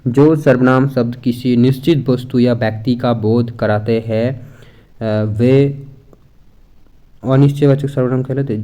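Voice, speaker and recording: A man's voice: medium pitch, dark tone. A man teaching an exam-prep grammar lesson in a chatty way, repeating points and mixing in English words.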